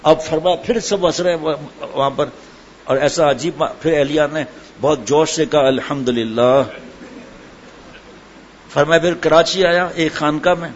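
This sermon comes from a preacher whose voice runs on the high side with fairly even intonation. He tells it as chatty storytelling, mixing humorous anecdotes with frequent asides, on a dull lo-fi recording with faint background noise.

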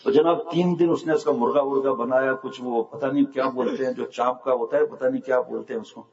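A man giving a sermon to students, telling humorous stories in a lively, joking way and chuckling as he goes. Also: mid-range voice, lo-fi sound, a little hiss or hum. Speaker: religious speaker addressing students.

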